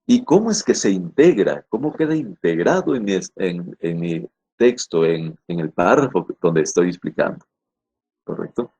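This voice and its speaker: Low, mellow male teacher explaining grammar. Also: slightly rough. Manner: repeats and rephrases points, asks "¿correcto?" to check understanding; deliberate, stresses key words. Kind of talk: recorded grammar lesson.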